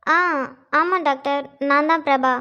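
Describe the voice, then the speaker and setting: A grieving young college girl in a cartoon, voiced by a woman, pleading in a very high voice. She fires off frantic, sobbing questions about her family. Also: fairly even intonation, unhurried, pushed and bright, lo-fi sound. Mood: anxious. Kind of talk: Tamil cartoon voice acting.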